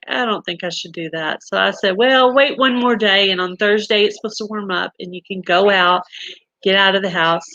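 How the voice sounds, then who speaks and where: The mid-range, sharp-toned voice belongs to a middle-aged woman with a Texan accent who hosts a live stream. She reads viewer comments and spins stories chattily, with plenty of fillers and restarts, and the audio is dull with no room sound.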